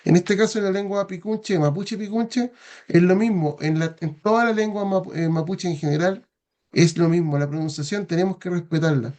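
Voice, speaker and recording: A man's voice: high voice, moderate pace, darkish tone. A man, a student in an online class, earnestly explaining a point about pronunciation. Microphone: video call.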